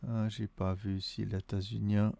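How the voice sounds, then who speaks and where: A man's voice: lowish voice, level tone, a little slow, vocal fry, mellow. A man with a Vaudois Swiss accent, thinking aloud and counting under his breath as he plays through a solo board wargame. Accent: Vaudois Swiss French.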